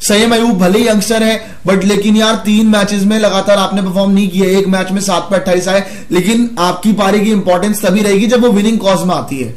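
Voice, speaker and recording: A man with a high voice co-hosts a casual cricket chat. He argues his analysis earnestly. The room around him is echoey. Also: steady tone, a little fast, hardly any pauses. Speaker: cricket show co-host.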